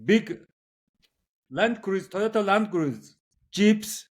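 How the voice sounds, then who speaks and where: A man with a Mongolian accent, a native Mongolian speaker, talking casually and giving opinions in halting English, often repeating words for emphasis. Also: high-pitched, lively intonation. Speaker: interview guest.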